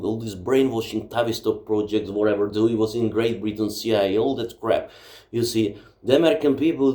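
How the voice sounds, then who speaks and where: Recorded with an echo in his home library, a book vlogger with a Czech accent, a native Czech speaker, unleashes a blunt, profane rant. His voice is lowish and mellow.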